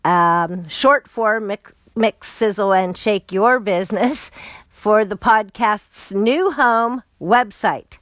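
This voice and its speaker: A woman hosting a podcast in a casual, chatty way, with a gravelly voice hoarse from a cold. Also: medium pitch, fairly bright tone, dry recording. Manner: chatty, upbeat, spells things out slowly. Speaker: podcast host.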